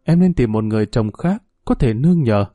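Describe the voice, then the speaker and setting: A resigned condemned man saying goodbye, quiet and steady, as a male narrator voices him. The tone is dark and mellow, recorded close with a dry sound. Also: medium pitch, a little fast, dry recording, natural voice.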